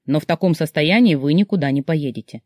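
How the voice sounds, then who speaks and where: A commanding, self-assured wealthy man, as a storyteller voices him, speaking lower and with calm authority. His tone is mellow and unhurried. The sound is close and dry, audiobook style. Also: no echo, close to an everyday voice. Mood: soothing.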